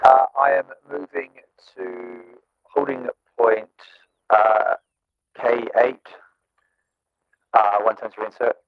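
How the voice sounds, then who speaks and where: Man with a low voice calling over a radio. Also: slow pace, vocal fry, pauses often, dry recording. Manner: clipped call signs, hesitant fillers. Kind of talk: military radio procedure. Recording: dull dry radio sound.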